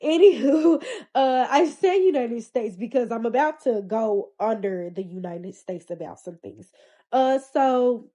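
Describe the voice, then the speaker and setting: Chatty woman with a mellow voice. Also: on the high side, expressive, measured pace, rough recording. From Memphis, Tennessee, US. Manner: chatty, sassy, rambling with fillers. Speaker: vlogger. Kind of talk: casual confessional vlog. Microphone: phone camera.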